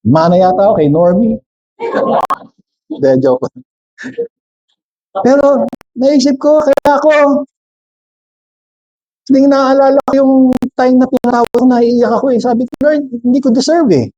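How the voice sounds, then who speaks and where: Filipino guy preaching, mixes tagalog and english, warm low-key tone, kinda muffled recording. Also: unhurried, pauses often. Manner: mixes Tagalog and English, asks the congregation questions; jokes with the congregation. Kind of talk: sermon.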